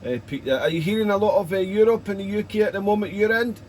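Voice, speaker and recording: A man's voice: high-pitched, fast talker, a little mellow, a little hiss or hum. A British man chatting casually as a radio operator, rambling along in friendly jargon-filled exchanges.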